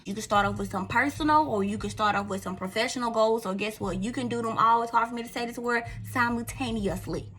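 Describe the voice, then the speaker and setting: A woman's voice: fairly high pitch, quick pace, a bit bright, slight background noise. A woman with a Mississippi country accent giving casual life advice to camera, informal and slangy, often checking in with "okay?" and calling the viewer friend. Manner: chatty, tags lines with "okay?" and addresses viewer as friend.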